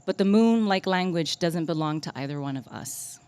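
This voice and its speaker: A woman poet reads her work at a coffee shop poetry night, her voice sitting a little low. She takes the lines with deliberate, measured care. Between pieces she turns chatty and makes fun of herself. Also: lively intonation, very noisy. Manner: deliberate, measured delivery of poems, chatty and self-deprecating between them. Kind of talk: live poetry reading with casual asides. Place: coffee shop reading event.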